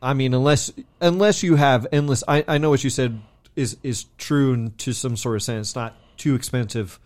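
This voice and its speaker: A young man co-hosting a podcast, easygoing and thinking out loud. His talk wanders, full of "dude" and "you know", in a middle-pitched voice. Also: normal speed. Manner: laid-back, musing, many fillers like "dude" and "you know". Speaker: podcast co-host. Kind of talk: casual chat.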